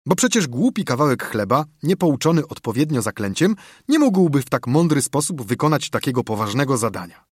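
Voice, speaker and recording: A man narrating a story with expressive, storytelling delivery. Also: medium pitch, a little fast, husky, no room sound, studio quality. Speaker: audiobook narrator. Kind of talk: scripted narration.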